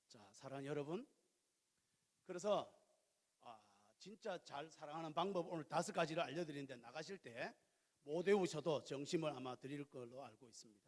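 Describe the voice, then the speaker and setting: A man preaching a sermon as pastor in a church, swinging from loud exhortation to quiet, confiding asides. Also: a little high. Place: large church sanctuary. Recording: long church hall reverb.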